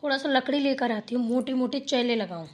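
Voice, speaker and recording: A woman's voice: high voice, brisk. Woman voicing a bossy village mother-in-law. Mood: muttering. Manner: scolding, loud and blunt. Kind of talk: cartoon voice acting.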